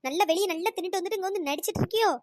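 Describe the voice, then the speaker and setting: A woman voicing a sharp-tongued old mother-in-law in a cartoon, scolding and sarcastic. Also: extremely high pitch, rapid-fire, slight background noise. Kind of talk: cartoon dialogue with pitch-raised voice.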